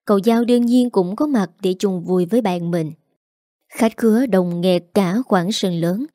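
A woman narrating a storybook in a steady, even way. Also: mid-range voice, unhurried, no echo, studio quality.

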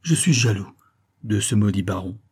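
A man reading aloud voices an impatient, jealous young Parisian gentleman of about twenty-five, agitated and pleading. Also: fairly low pitch, expressive, moderate pace, breathy edge.

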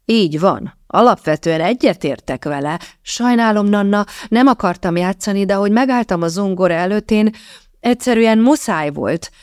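A woman voicing a proud, quick-tongued young maid in an audiobook, answering in a pert, indignant way. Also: mid-range voice, expressive, clean tone, dry recording, clean studio sound, pitched above the performer's own voice, lightly acted.

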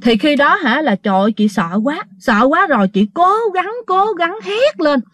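A woman's voice: high voice, very animated, normal speed, a bit bright, no room sound. A woman telling a ghost story in a casual, chatty way, talking straight to her listeners. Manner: chatty, addresses listeners directly, many fillers.

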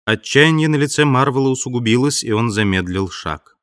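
A man narrates an audiobook in a measured, even storytelling manner, reading scripted text. His voice is mid-range, with no echo and studio-quality sound.

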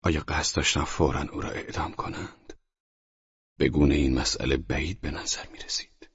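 A man narrating an audiobook in a measured, tense storytelling voice that sometimes drops to a whisper. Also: very deep voice, steady tone, a bit bright, husky, dry recording, lo-fi sound. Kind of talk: scripted narration.

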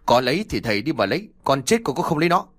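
A man's voice: mid-range voice, big pitch swings, fast talker. A man voicing a cowardly young village man who pleads and argues with his parents. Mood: defiant. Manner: whiny, pleading.

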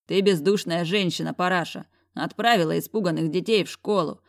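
A woman reading a first-person novel aloud, expressive with sharp retorts. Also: lowish voice, brisk. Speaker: audiobook narrator.

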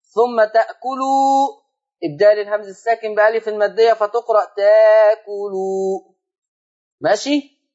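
A man's voice: high-pitched, level tone, brisk, a little mellow. A man with an Egyptian accent teaching Quran recitation rules on a television lesson, explaining step by step and drawing out words to demonstrate. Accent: Egyptian Arabic. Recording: dull lo-fi broadcast audio.

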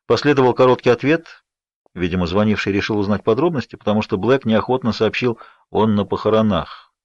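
A man narrating a first-person novel in a steady, measured reading. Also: fairly low pitch, no room sound. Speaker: audiobook narrator. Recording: dry, slightly dull audiobook recording.

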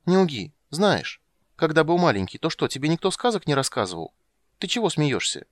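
Brief: chatty, insistent little princess girl, put on by a male reader; high, dry studio sound. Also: no room sound. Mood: excited, insistent. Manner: pleading, fast excited chatter.

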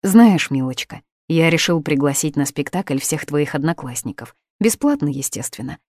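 A woman voicing a strict middle-aged father who directs a theater, speaking in a measured, firm way. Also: deep voice, big pitch swings, darkish tone, no echo, studio quality. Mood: earnest.

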